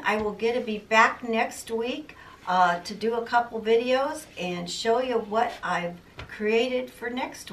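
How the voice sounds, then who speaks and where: An older woman with a fairly high, slightly bright voice chats casually to the camera about her sewing plans from a cluttered home sewing room. She rambles and pokes fun at herself, and the recording sounds roomy, with the mic placed at a distance.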